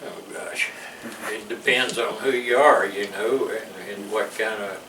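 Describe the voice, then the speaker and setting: Speaking at a fairly low pitch and a little slowly, this older Southern veteran drifts from one service story to the next in an interview, folksy and chuckling as he goes. It's recorded in an echoey room with a distant mic and obvious background noise.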